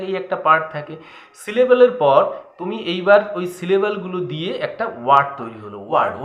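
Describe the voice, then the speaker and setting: Bengali-accented young male teacher, crisp and bright, asks and answers his own questions, echoey room. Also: a little high. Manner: asks the students questions and answers them himself. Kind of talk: grammar lesson.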